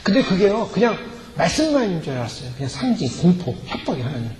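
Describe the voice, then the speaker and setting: A male pastor with a high, fast, sing-song voice preaches an emphatic sermon, acting out prayers and the voices he quotes. The church sanctuary gives the recording an echoey hall reverb with faint ambience.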